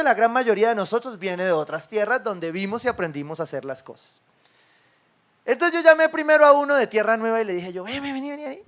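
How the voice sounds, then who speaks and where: A man's voice: high voice, fairly bright tone. A man preaching a sermon to his church, telling stories with quoted dialogue and often asking the congregation for agreement. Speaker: pastor.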